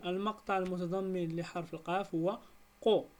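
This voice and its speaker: A woman teacher with a Moroccan accent, reading a beginners' Arabic lesson slowly and deliberately, breaking words into syllables and stretching them out. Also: on the low side, fairly even intonation, darkish tone. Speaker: primary school teacher.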